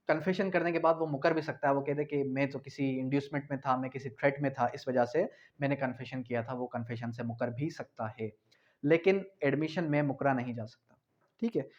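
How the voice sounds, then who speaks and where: On dull-sounding audio, a man with a fairly high pitch teaches law for exam preparation. His style is informal and explanatory, with key ideas repeated and English terminology blended into Urdu.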